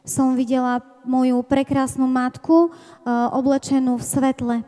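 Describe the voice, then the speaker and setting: A woman interprets a testimony live, speaking in a flat, even tone. Her voice is mellow and a little high. She hesitates often, filling gaps while she hunts for the right word. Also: unhurried. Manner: hesitant, with frequent filler sounds while searching for words. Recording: reverberant large hall.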